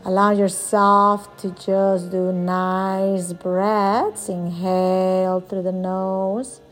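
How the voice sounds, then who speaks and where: Woman, yoga relaxation instructor, very slow pace, soft soothing delivery, long pauses, background music. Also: medium pitch, little pitch movement, rough recording. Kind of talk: guided relaxation meditation.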